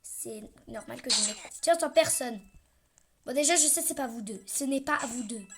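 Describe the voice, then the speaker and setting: A woman's voice: sits high, moderate pace, background noise. A young woman chatting over her gameplay as a vlogger, complaining dramatically and often dropping into a mutter. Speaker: gaming vlogger. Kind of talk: casual gameplay commentary.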